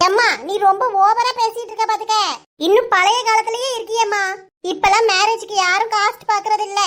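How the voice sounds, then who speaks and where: A woman with a Kanyakumari Tamil accent voicing an outspoken young married daughter in a cartoon, arguing with quick retorts. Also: very high-pitched, steady tone, a bit bright.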